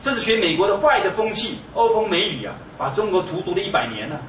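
A man with a high, bright voice delivers a Buddhist sermon, emphatic and exclamatory. He keeps firing rhetorical questions at his listeners. The recording is distant and dull, with a roomy echo and faint background noise. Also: big pitch swings, quick pace. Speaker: Buddhist lecturer.

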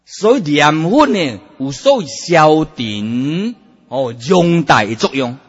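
A man preaching a Buddhist sermon, emphatic and animated, drawing out his sentence-end particles. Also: a little high, slow, husky. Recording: dull, echoey hall sound.

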